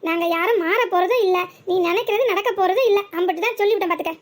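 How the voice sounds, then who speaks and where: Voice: very high-pitched, racing. A performer voicing a blunt, exasperated village husband in a cartoon, with a southern Tamil Nadu accent and a scolding, lecturing manner. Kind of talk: cartoon voice acting.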